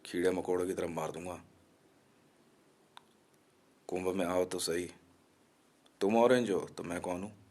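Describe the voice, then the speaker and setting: A man's voice: sits low, fairly even intonation, measured pace, long pauses, darkish tone. A man delivering a threatening, abusive rant to the camera in an aggressive, mocking manner.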